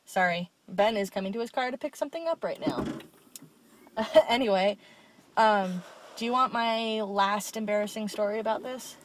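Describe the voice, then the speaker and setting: A woman's voice: medium pitch, moderate pace, a little hiss or hum. A young woman co-hosting a podcast, telling stories candidly and swearing freely in casual chat. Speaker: podcast co-host.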